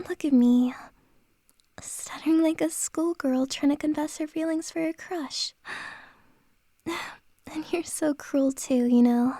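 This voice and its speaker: In an ASMR roleplay, a woman plays a flustered boss confessing her feelings to an employee. She whispers softly and hesitantly close to the mic in a high voice, and the recording is dry.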